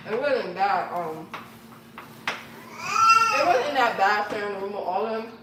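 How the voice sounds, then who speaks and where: A woman's voice: a little high, big pitch swings, slow pace. A young woman co-hosting a casual family livestream, asking questions and laughing often while she eats. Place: home kitchen. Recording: very echoey, distant, loud background noise.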